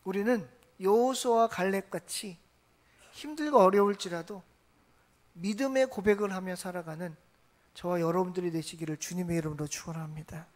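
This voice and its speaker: A pastor delivers a Sunday morning sermon from the pulpit of a church sanctuary. The preaching leans on steady repetition, restating each point in near-identical phrasing. Rhetorical questions are thrown to the congregation and then answered in the same breath, at a middling pitch. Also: moderate pace.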